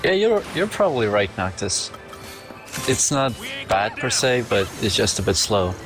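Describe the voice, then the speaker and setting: A man's voice: fairly low pitch, very animated, a little slow, over music. A man chatting casually and making teasing jokes as a co-commentator. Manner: jokey, teasing. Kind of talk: casual chat.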